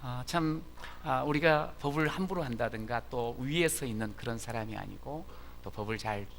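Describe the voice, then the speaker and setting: Bright-voiced male pastor preaching. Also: mid-range voice, a little hiss or hum. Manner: conversational, many "ah" fillers. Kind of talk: sermon. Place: church sanctuary.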